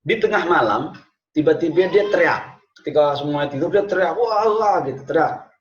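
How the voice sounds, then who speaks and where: A man teaching an online class, telling lively stories and mixing in Arabic phrases. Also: a little high, brisk. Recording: echoey, dull lo-fi room sound.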